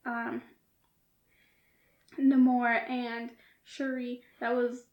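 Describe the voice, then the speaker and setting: A woman's voice: a little high, level tone, extremely slow, highs cut off. A woman co-hosting a casual podcast chat, giggling often as she retells scenes. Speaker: podcast co-host. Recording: roomy echo.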